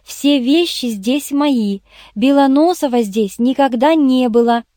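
A woman's voice: sits high, unhurried, warm tone, no echo, clean studio sound. A woman voicing a young female detective's assistant who purrs and pleads in a coaxing way in an audiobook. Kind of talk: audiobook character voice.

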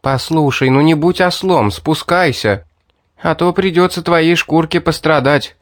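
A man's voice: fairly high pitch, measured pace, dry recording, voice pushed up, natural voice. Man putting on a sly young woman, raised sweet voice, mocking and menacing, dry close sound, storybook villainess. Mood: threatening. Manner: mocking, coaxing and threatening. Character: scheming young woman, sweetly coaxing and cold.

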